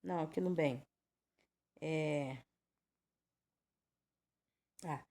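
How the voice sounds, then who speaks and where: A woman's voice: low voice, extremely slow, mellow. A woman in her twenties or thirties from Brazil giving an informal Bible teaching, chatty and rambling, full of rhetorical questions. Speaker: preacher.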